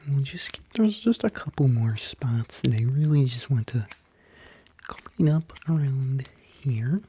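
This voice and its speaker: A performer as gentle male puppet frog hairdresser, very dark muted tone, breathy, fussy soothing ASMR murmur, dull muffled recording. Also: mid-range voice, animated, slight background noise, lightly acted. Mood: gentle, encouraging. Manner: soothing, fussy, halting murmur with oohs and hmms. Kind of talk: ASMR roleplay, soft whispery murmur.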